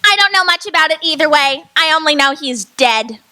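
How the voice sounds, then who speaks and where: Woman as an offhand townsperson, dry, high bright voice, radio play. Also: expressive, a little fast.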